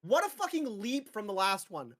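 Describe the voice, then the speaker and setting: This woman's mid-range voice swings widely in pitch, at normal speed and with a slightly bright tone. She's running a live-stream hot sauce challenge, chatting casually but groaning and complaining because her mouth is burning and her eyes are watering.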